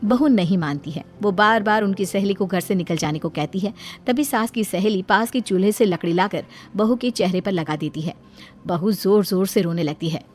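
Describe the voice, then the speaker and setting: A woman narrating a cartoon moral story in a steady storytelling manner. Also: mid-range voice, moderate pace, faint music behind.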